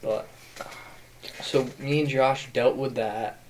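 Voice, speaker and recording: A man's voice: mid-range voice, steady tone, slow pace, a little hiss or hum, low-quality recording. Rambling young man telling a story. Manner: rambling storyteller, many fillers. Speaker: podcast host. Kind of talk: casual chat.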